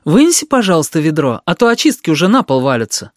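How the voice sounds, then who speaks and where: A man's voice: a little high, lively intonation, normal speed, dry recording, studio quality, voice pushed up, close to an everyday voice. Man putting on a fussy, grumbling aunt. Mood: fussing. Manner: grumbling yet kindly. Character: fussy caring middle-aged aunt.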